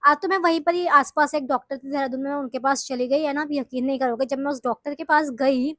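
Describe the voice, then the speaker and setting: A woman's voice: high-pitched, fairly bright tone, no echo, clean studio sound. A young woman from the hills of northern India telling her story to viewers in a chatty, confessional way. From Uttarakhand hills, India. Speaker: vlogger. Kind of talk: casual storytelling to camera.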